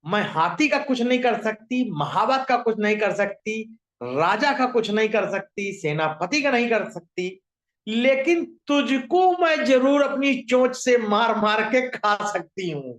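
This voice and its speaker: A man's voice: sits high, moderate pace, natural voice. A man voicing a small, determined female sparrow who keeps pleading insistently for justice, in an echoey room. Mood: threatening.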